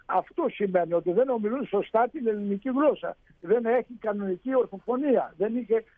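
A man's voice: sits high, dry recording, narrow, tinny audio. A man explaining Greek pronunciation on a radio show, hesitant, with many fillers and restarts. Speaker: radio show guest speaker on Greek language.

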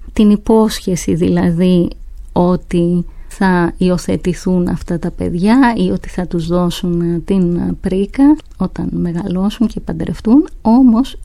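A woman explaining historical events in a measured way, with occasional hesitant fillers. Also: fairly low pitch, mellow, no echo. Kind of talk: explanatory talk.

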